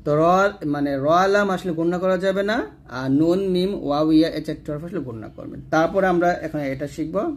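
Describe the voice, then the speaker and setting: A man teaching Quran recitation rules, explaining patiently step by step and slowly chanting the example words in between. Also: fairly high pitch, a little mellow. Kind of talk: tajweed lesson with recited examples.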